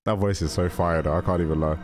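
Speaking quickly over music, a man in his twenties keeps a low-pitched, steady tone as he gives loose, slangy reaction commentary. He's a reaction video host sitting in a small carpeted room, headset on, right up on a desk microphone.

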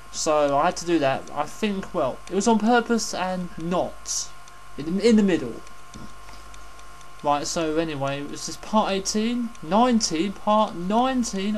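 A man with a high voice gives casual gaming commentary. He talks slowly and rambles, often repeating himself, and there is faint noise in the recording. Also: low-quality recording. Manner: rambling, repeats phrases, sweary. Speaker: gaming host.

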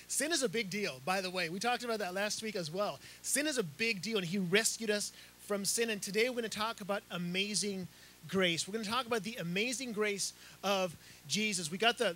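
A middle-aged man who grew up in Chile, a pastor preaching a sermon into a handheld microphone outdoors under a canopy, animated, with frequent repeats and restarts. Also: high-pitched, moderate pace, slight background noise.

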